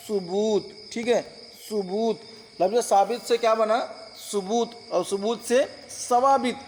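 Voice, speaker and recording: High-voiced man teaching grammar. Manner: drills words with repeated rhetorical questions. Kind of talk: online exam-prep lesson. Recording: long reverb with faint insect noise.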